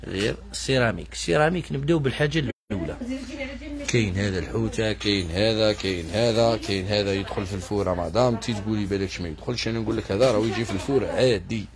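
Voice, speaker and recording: A man with an Algerian Arabic accent giving a live sales pitch in his kitchenware shop, listing items and prices and addressing viewers as madam. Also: rapid-fire, crowd noise. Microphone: phone livestream. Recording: noisy shop with clattering dishes.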